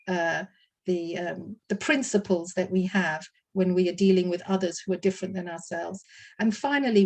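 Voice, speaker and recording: A woman's voice: mid-range voice, a little mellow. An older woman professor giving a panel talk on a video call, earnest and hesitant with fillers. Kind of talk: online panel presentation.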